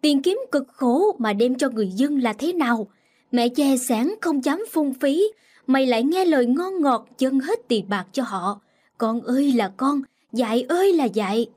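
A woman's voice: high-pitched, animated, fairly quick, voice pushed up. Woman doing a wailing older mother-in-law. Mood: wailing, scolding. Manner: lamenting, scolding.

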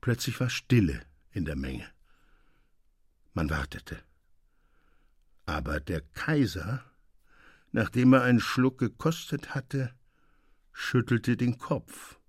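Man, radio story reading, expressive narration, medium pitch, dry close studio sound. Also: slow pace, long pauses, breathy edge, no room sound.

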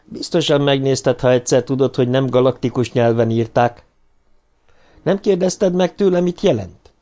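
A man's voice: mid-range voice, mellow, pitched above the performer's own voice, natural voice. A man voicing an aging male institute head who talks in dismissive, clipped questions, in a Hungarian audiobook reading. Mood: curt.

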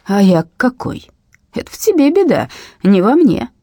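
A furious, swearing father who shouts down at a child and then sneers, as a woman reads him. His voice is lively and swings up and down, with a dark, husky tone. He sounds like a gritty family drama on audiobook. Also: mid-range voice, moderate pace, dry recording, clean studio sound. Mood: sneering. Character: angry abusive working-class father, man.

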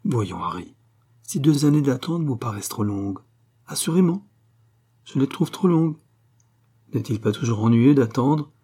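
A man's voice: mid-range voice, expressive, normal speed, pauses often, dark tone, slightly rough. A man reading an audiobook voices an earnest young woman, a devoted fiancée who talks in a pleading, insistent way.

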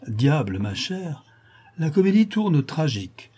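A man playing a vain haughty young gentleman. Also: a little high, sing-song, unhurried, slightly rough, pitched above the performer's own voice, exaggerated voice. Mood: mock-polite. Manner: affected, disdainful.

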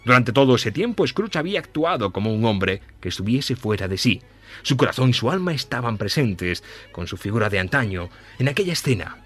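A man reads a classic tale in a measured, unhurried storytelling voice. His pitch is average, and there is faint soft music behind him. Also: sing-song. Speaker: narrator. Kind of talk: scripted narration.

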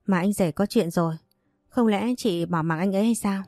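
A woman voicing a protective, excitable younger brother who presses with worried questions. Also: medium pitch, normal speed, dry recording, studio quality, close to an everyday voice.

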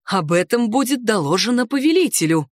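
A woman's voice: medium pitch, big pitch swings, a little slow, no room sound, studio quality. A woman reading aloud and voicing a loyal young male retainer, protective of his lady. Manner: concerned, then coldly threatening. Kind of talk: audiobook character voice.

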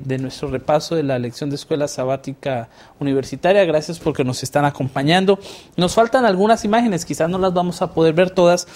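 A man hosting a relaxed Bible lesson discussion, chatting and asking leading questions. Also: on the high side. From not from Mexico. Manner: conversational, asks leading questions. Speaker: host.

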